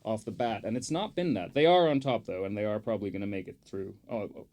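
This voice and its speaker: Mellow-voiced man ranting about football. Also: on the low side, fast. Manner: rambling and opinionated, heavy on fillers and swearing. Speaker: podcast guest, football pundit. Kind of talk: casual chat.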